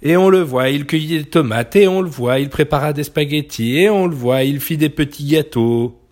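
A man reading a children's story aloud, expressive and animated. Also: a little high, moderate pace.

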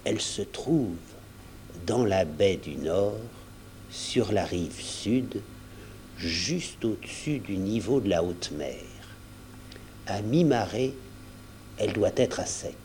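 A man's voice: on the low side, expressive, slow pace, pauses often, a little mellow, slight background noise. A man reading as an honest, loyal young boy, speaking earnestly.

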